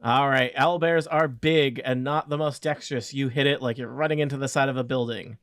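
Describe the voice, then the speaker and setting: A man narrating a tabletop game as game master, improvising haltingly with pauses mid-sentence. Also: medium pitch, steady tone, a bit bright, clear, resonant tone, no echo, studio quality.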